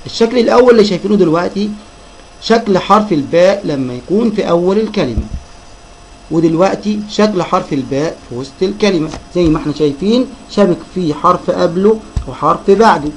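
A man with an Egyptian Arabic accent teaching a children's reading lesson, sounding out syllables slowly and addressing the kids as friends. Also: high-pitched, expressive, a little hiss or hum, poor audio.

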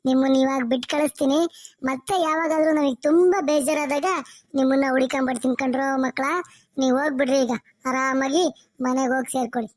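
A woman's voice: high-pitched, little pitch movement, fairly quick, a little mellow, natural voice. Woman doing a cooing village ghost lady. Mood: pleased. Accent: rural Tumkur Kannada. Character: spooky female village ghost, teasing but kindly. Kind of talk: cartoon voice acting.

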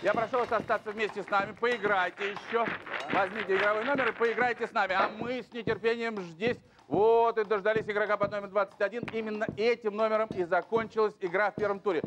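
A middle-aged man hosting a TV lottery draw as a bingo caller, calling numbers in a drawn-out, emphatic way. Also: high voice, fairly even intonation, highs cut off. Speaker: lottery show host. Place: large TV game show studio with audience. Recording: noisy old TV studio recording with clicks.

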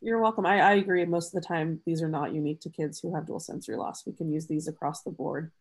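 A nasal-voiced woman presents on a video call. She talks fast and friendly, pitched a little low for a woman. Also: steady tone, slightly rough. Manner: quick, friendly, uses y'all. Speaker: webinar presenter. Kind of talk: fast-paced webinar wrap-up.

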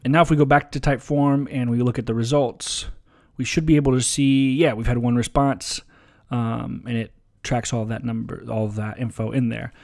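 A man presenting a relaxed, casual software tutorial over a screen recording, with frequent ums and uhs. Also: mid-range voice, normal speed, vocal fry, few pauses. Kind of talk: screen-share software walkthrough.

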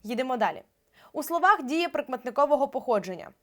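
A young woman teacher giving an exam-prep grammar lesson, explaining step by step and drawing out example words slowly. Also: sits high, lively intonation. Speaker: Ukrainian language teacher.

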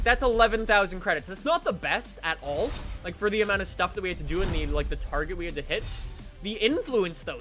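A young man commentating a racing game let's play, excitable and energetic, sometimes breaking into shouts. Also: high-pitched. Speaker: gaming YouTuber.

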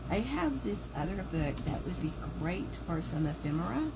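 Working on a craft at a moderate pace, a woman with a sore throat chats loosely and thinks aloud for her livestream, her voice lower than it normally is. A persistent hum from the noisy room sits under the audio, captured by an overhead table camera showing only her hands.

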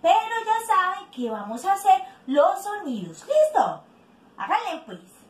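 A woman's voice: extremely high pitch, sing-song, measured pace, distant mic. A young woman, a preschool teacher leading a playful children's lesson with animal sounds, exclamatory and sing-song. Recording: echoey room, a bit off-mic, faint music.

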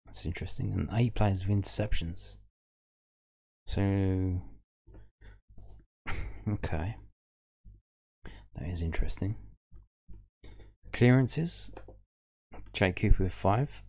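Deep and gravelly with a breathy edge, this man's voice is a little mellow as he takes things slowly and pauses often. Hosting a fan podcast, he muses over an on-screen football stats table, casually thinking aloud as he reads it.

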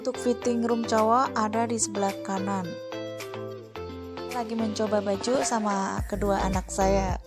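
A woman in her thirties from Indonesia, calmly narrating a shopping trip as a vlog voice-over. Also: mid-range voice, unhurried, over loud music. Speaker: vlogger.

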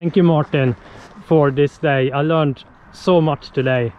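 By a lake outdoors, a Swedish man in his thirties vlogs to an action camera held at arm's length, speaking slow, cheerful, plain non-native English. His voice is fairly high and steady, and the dull outdoor camera audio has a slight hiss or hum.

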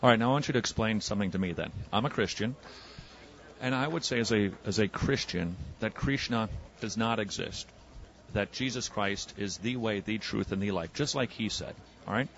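A man debating religion on the street as an evangelist and radio host, pressing with quick probing questions. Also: on the low side, fairly bright tone, highs cut off. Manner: probing, rapid-fire questioning. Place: outdoors on a city street.

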